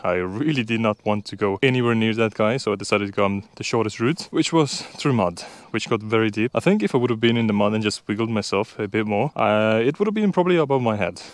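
Fast and expressive, with few pauses, the young fishing vlogger from Estonia talks candidly to viewers from the riverbank in a low-ish voice. The recording sounds dry. He's filming himself outdoors on a body-worn action camera for a casual vlog.

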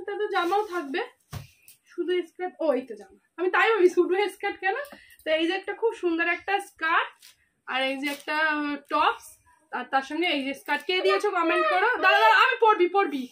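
A woman's voice: very high-pitched, expressive, fast, sharp tone. A woman vlogger and mother, out of breath, chatting directly to her viewers in a casual unboxing vlog at home. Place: home, indoors. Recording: noisy home recording.

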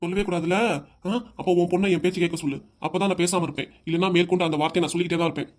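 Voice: mid-range voice, steady tone, racing, lightly acted. A performer voicing a strict, hot-tempered middle-aged father with a southern Tamil accent, who scolds his wife and weeps. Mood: scolding. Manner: scolding, shouting, then weeping.

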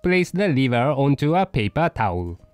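A man voicing a poodle dog who hosts a cooking show, narrating a recipe in slow, deliberate steps. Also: medium pitch, very animated, a little mellow, smooth, dry recording, faint music behind, lightly acted, rough recording. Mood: patient. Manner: slow, deliberate step-by-step instructions.

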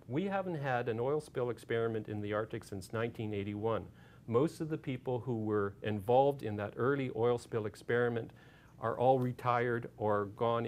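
A man giving a public talk as an author, telling a field anecdote with lots of fillers and restarts, from Canada. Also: medium pitch. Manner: halting anecdote, many fillers, gets animated and loud retelling shouts.

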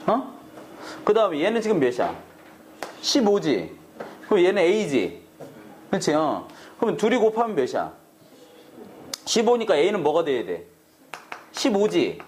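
A man's voice: sits high, wildly swooping pitch, normal speed, pauses often, darkish tone, a little hiss or hum. A man teaching math to a classroom, brash and teasing, swearing at students in a casual way. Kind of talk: classroom lecture.

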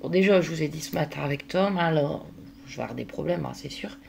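A woman's voice: low voice, quick pace, creaky, darkish tone, slight background noise. A woman talking casually in a daily vlog, exasperated and worn out, venting with lots of fillers. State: worn out, at the end of her tether. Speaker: vlogger.

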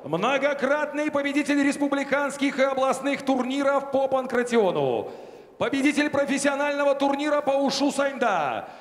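A male ring announcer introduces fighters in a big echoing arena, his voice pitched high and swinging widely. He talks slowly, stretching each name into a booming call. The long reverb of the hall hangs behind him. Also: expressive. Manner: drawn-out booming name calls.

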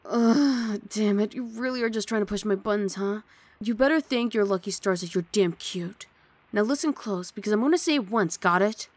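In a natural, medium-pitched voice at normal speed, with no room sound, a woman speaks right up against a dry studio mic. It's an intimate one-sided ASMR roleplay where she plays a grumpy, sardonic young female roommate, huffy and teasing but affectionate.

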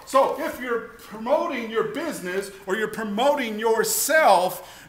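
A keynote speaker in his forties, with a voice that sits high, gives an energetic seminar talk to an audience in a meeting room. His delivery is emphatic and full of rhetorical questions, captured on a lapel mic.

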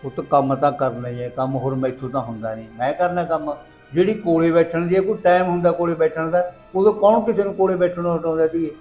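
A man's voice: a little high, fairly even intonation, fast talker, darkish tone, soft background music, lightly acted. An actor playing a weary, defensive rural father who coaxes and pleads with his daughter. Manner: coaxing, then pleading and defensive.

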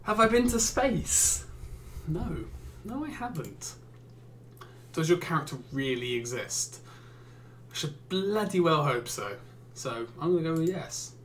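A streamer and YouTuber from England, English-accented, answers questions he reads aloud with wry, weary jokes over casual gaming commentary. His slightly high voice has a sing-song lilt and a measured pace. A faint hiss or hum is audible.

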